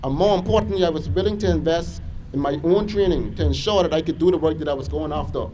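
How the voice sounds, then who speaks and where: A young man with a Bahamian accent delivers a motivational school speech in an earnest, measured way, often listing things. His voice sits a little high but sounds mellow and warm. Faint ambient noise runs behind him. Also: rough recording. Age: young adult. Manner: earnest, measured, list-like delivery with small restarts. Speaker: business owner giving a school speech. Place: school assembly hall.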